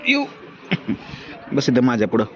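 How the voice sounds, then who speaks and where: A family vlogger's rumbling low voice swings hugely in pitch as she talks at normal speed with her small kids, by turns scolding, coaxing, and fussing. The sound is dull lo-fi, carrying loud outdoor noise and a faint crowd.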